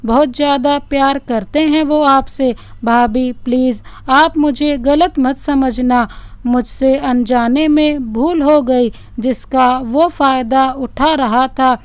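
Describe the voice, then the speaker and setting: A woman voicing a young sister-in-law who pleads and confesses in a smooth, high voice. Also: steady tone, takes it slowly, no room sound. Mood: pleading.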